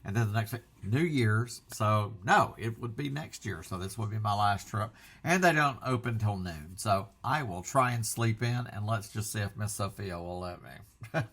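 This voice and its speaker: A man hosting a casual vlog, talking in an excitable, rambling way and interrupting himself often. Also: fairly low pitch, moderate pace. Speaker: physical media channel host.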